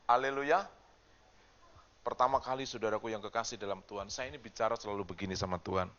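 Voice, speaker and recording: A male pastor giving a sermon, moving between loud preaching and quiet storytelling and asking the congregation questions. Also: lowish voice, quick pace, dull audio.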